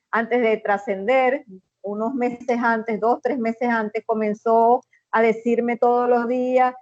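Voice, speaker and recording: A woman telling a personal story in a casual conversation, with many restarts and pauses, over a video call. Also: a little high, a little mellow, dry recording, highs cut off. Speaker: guest. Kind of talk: casual chat.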